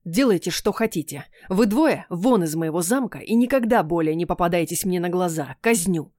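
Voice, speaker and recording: A woman's voice: on the low side, expressive, normal speed, darkish tone, no room sound, clean studio sound. A woman voicing a proud, angry young male prince who gives commands and threatens. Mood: contemptuous.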